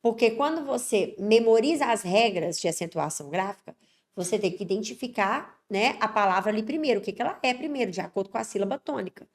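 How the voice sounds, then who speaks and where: A woman's voice: mid-range voice, animated, fast. A Brazilian woman teaching Portuguese for exams, emphatic and chatty, constantly checking in with tag questions and slightly congested from an allergic cold. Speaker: Portuguese teacher for exam prep. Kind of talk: online exam-prep lesson.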